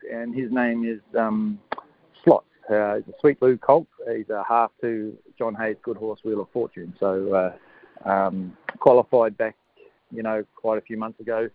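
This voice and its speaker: A man giving a casual radio interview as a horse trainer, hesitant, matey and low-key. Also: no echo. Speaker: harness racing horse trainer, interview guest. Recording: narrow, lo-fi phone-like line.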